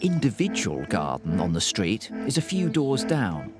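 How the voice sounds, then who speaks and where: A man reading scripted documentary narration in a measured, explanatory way. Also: fairly low pitch, huge pitch swings. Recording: voice-over with music. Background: music.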